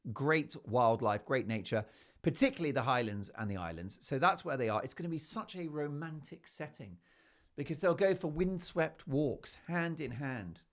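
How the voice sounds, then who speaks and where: A man hosting a talk show, delivering emphatic, opinionated commentary with playful mocking asides. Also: mid-range voice. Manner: emphatic, animated, keeps asking "right?". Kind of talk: opinionated news commentary monologue.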